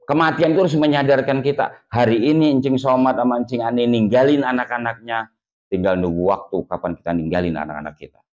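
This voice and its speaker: A man with a Betawi accent giving a sermon as an ustadz to his congregation, folksy and lively, slowing down to stress his warnings. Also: sits low. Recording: dull lo-fi recording.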